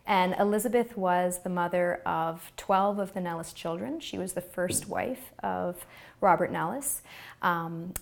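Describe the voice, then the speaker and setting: A woman with a lowish, clearly creaky voice speaks in an informal interview. She explains her role as a volunteer actor.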